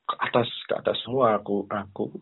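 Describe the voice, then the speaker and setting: A man's voice: fairly low pitch, steady tone, a little fast, gravelly, heavy background noise. A man chatting on the phone as a caller, telling a story and acting out the voices of the people in it. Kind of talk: casual storytelling over the phone. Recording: tinny phone line.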